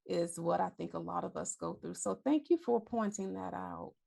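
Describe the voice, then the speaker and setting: A podcast host in her forties speaks in a fairly low, gravelly yet mellow voice at a moderate pace. The conversation is casual and candid, chatty, with frequent self-corrections.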